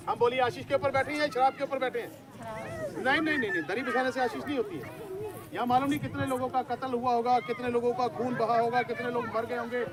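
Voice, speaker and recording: A high-pitched male preacher delivers an open-air sermon by a river. He exhorts his listeners and leads them in call-and-response. The murmur of a large crowd carries under his voice outdoors. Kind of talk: outdoor sermon at a church picnic.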